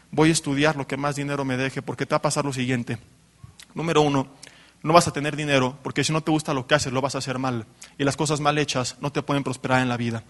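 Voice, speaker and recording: A man's voice: a little high, a bit bright. A man, preaching a sermon to young people as a storytelling pastor who keeps adding tag questions. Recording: reverberant hall.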